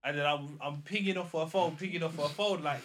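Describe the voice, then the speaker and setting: A man with a London roadman accent, casually telling an animated story in slang and acting out the dialogue. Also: on the high side, brisk, slight background noise. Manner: slangy, acts out quoted dialogue.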